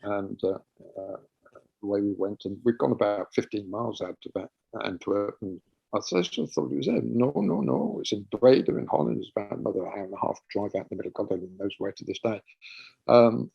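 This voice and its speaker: A man spinning an anecdote with lively laughter and stumbling repeats. His voice is gravelly and a bit husky. The recording sounds slightly dull and lo-fi. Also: lowish voice, fairly quick, no room sound. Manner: animated, laughing, repeats words while telling. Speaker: guest. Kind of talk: anecdotal storytelling.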